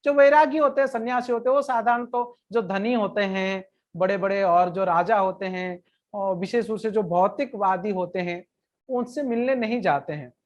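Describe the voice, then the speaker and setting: A woman retelling a scripture story in a devotional lecture, in a plain conversational way, with slow recited verses now and then. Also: mid-range voice, a little mellow, lo-fi sound.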